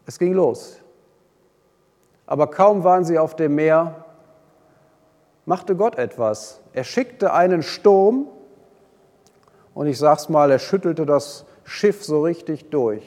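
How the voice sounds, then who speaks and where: A man preaching a sermon, retelling a Bible story with lively swings between loud and hushed delivery. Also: fairly high pitch, takes it slowly, pauses often. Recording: long hall reverb.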